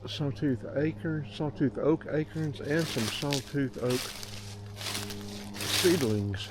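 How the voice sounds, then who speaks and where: Slow-talking older man musing outdoors. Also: on the high side, music in the background, low-quality recording. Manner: rambling, unhurried, musing aloud in short phrases. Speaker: vlogger. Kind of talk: casual walk-and-talk musing. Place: outdoors walking in woods. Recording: clear outdoor noise, rustling and crunching.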